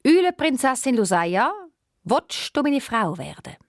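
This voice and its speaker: An eager young caliph who has been turned into a stork, as a woman puts him on. He asks questions in a raised, lively voice, for a children's radio play. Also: fairly high pitch, unhurried, no room sound, studio quality, pitched above the performer's own voice.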